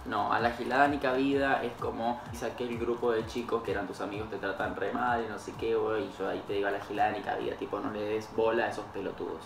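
A young man from Argentina with an Argentine accent, chatting casually, joking loudly and swearing freely with his friend. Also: lowish voice, flat delivery, fast, creaky, hardly any pauses, echoey room, noisy background. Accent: Argentine Spanish. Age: young adult. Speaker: game contestant. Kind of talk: casual chat. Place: indoor living room, seated on a couch.

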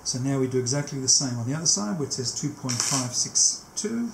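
In a small, cluttered workshop, a man in his sixties demonstrates a tape machine setup, talking through it step by step without a script and stopping often as he works. His medium-pitched voice has lively intonation. The camera mic picks up a roomy echo and faint noise.

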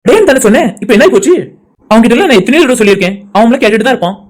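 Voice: medium pitch, animated, close to an everyday voice. Performer voicing a blunt teasing young man. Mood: exasperated. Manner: blunt, scolding, quick-talking. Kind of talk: animated cartoon dialogue.

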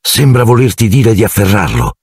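A man voicing an eager, excitable teenage boy in a storybook reading. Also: on the low side, moderate pace, slightly rough, no echo, clean studio sound, pitched above the performer's own voice, heavily acted. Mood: explaining.

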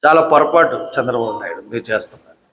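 A man's voice: medium pitch, expressive, racing, fairly bright tone, a little hiss or hum. A man giving a combative political speech, scolding with repeated rhetorical questions. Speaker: political commentator. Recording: echoey hall.

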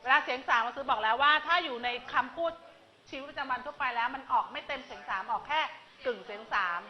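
A woman teaching a language class, running a quick vocabulary drill and prompting her students with short questions. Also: high-pitched. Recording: dull lo-fi classroom recording with students chattering.

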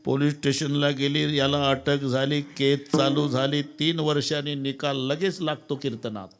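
A man preaching a kirtan sermon, telling stories in an animated, theatrical way. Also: fairly high pitch, normal speed. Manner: animated, theatrical, switching voices.

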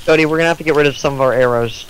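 Fast-talking insistent man on voice chat. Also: on the high side, rough recording. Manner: quick, insistent, stammers repeats. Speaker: gamer. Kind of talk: casual voice-chat banter. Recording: faint background noise.

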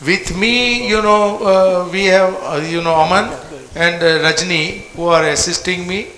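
A man's voice: sits high, fairly even intonation, unhurried, sharp tone. An older man with an Indian accent, commentating as the operating doctor during a live medical procedure. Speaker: operating cardiologist. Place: hospital cath lab. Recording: echoey room with clear background noise and clicks.

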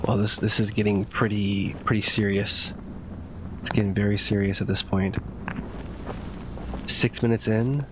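A man's voice: fairly low pitch, flat delivery, measured pace, long pauses. A man in his thirties giving casual, nervous live commentary as a horror game streamer, swearing freely. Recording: clear game ambience noise behind voice.

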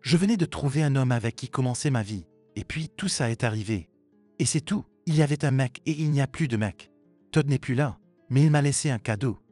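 A man's voice: medium pitch, animated, a little fast, darkish tone, lightly acted. A man reading the lines of a bitter, manipulative middle-aged mother who guilt-trips her daughter. Her lines come in a reproachful tone. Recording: dry with faint music behind.

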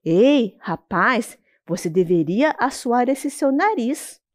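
A cheeky storybook turtle with a high, bouncy voice that swoops up and down, teasing the boy, as a woman storyteller puts her on. Brazilian Portuguese accent, playful and mocking. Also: big pitch swings, takes it slowly. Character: cheeky talking singing female turtle.

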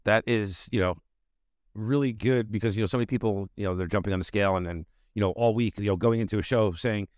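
A man's voice: fairly low pitch, fast talker, darkish tone, no echo, clean studio sound. A middle-aged man hosting a podcast interview over a video call, talking casually and padding his sentences with "you know". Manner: rambling, full of "you know" fillers. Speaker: podcast host. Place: home studio with bookshelves. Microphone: desk mic on video call.

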